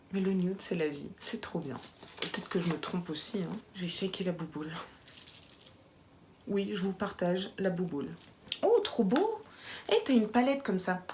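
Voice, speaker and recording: A woman's voice: medium pitch, a little mellow. Chatty woman vlogger, faint room noise. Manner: playful, laughing, reads viewer comments aloud. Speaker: beauty vlogger. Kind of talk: casual vlog chat.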